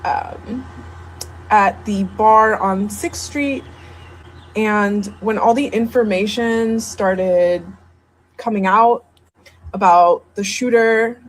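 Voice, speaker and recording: A young adult woman at a middle pitch, telling a personal story in a video. She speaks haltingly, with frequent ums, pauses and restarts. Her voice is plain and earnest. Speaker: social media video poster.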